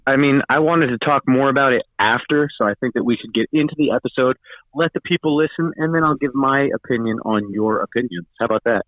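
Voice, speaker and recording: A man's voice: medium pitch, quick pace, no room sound. A man calls in to co-host a podcast, his voice squeezed through a narrow, tinny phone line. He banters and bickers in mock offense. The sound is dry, with no room around it. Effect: speaking over a phone line.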